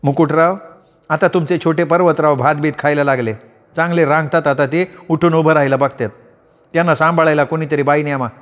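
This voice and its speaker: A man voicing a bold, sharp-tongued village woman in a raised, lively voice. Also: lightly acted. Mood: teasing. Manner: raised, lively pitch, scolding and quick. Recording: long reverb.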